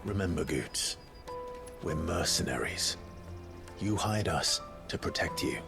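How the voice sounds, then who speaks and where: A stoic video game mercenary with a very low voice. He is courteous, measured and earnest, over clearly heard music. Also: lively intonation, exaggerated voice. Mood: calm, firm. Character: stoic, courteous adult male mercenary hero. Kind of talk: video game drama acting.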